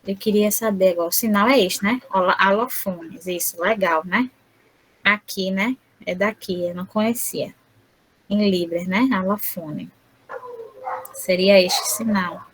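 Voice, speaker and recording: A woman interpreting an online lecture aloud, speaking haltingly with frequent tag questions. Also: medium pitch, rough recording.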